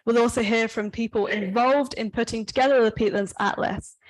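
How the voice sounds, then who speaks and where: A woman's voice: fairly high pitch, steady tone, fairly quick, low-quality recording. A woman moderating an event, delivering a scripted introduction in an orderly presenting manner.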